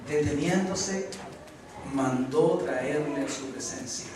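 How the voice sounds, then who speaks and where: A male pastor preaches a sermon, throwing rhetorical questions at the congregation. His voice sits high. It comes from far away in a very echoey church with a noisy background. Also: slow. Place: church hall.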